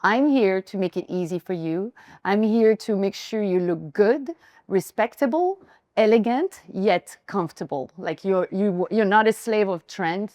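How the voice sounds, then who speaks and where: A woman with a French accent, founder of a fashion brand, giving a chatty, slightly halting welcome speech to guests at her shop event. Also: medium pitch, darkish tone, dry recording. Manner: chatty, self-deprecating, searching for words. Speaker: brand founder hosting a styling session.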